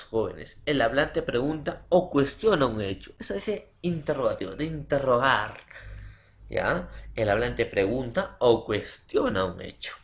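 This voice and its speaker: A man from Peru teaching a secondary school grammar lesson, repeating definitions and calling his students "jóvenes" with frequent "pues" and "ya". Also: mid-range voice.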